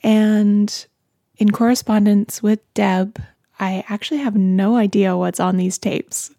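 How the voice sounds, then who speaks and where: Slow, gravelly-voiced woman half-whispering at home. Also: mid-range voice, steady tone, no room sound, studio quality. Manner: soft, often slips into a whisper. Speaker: podcast host. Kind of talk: casual audio diary. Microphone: handheld mic.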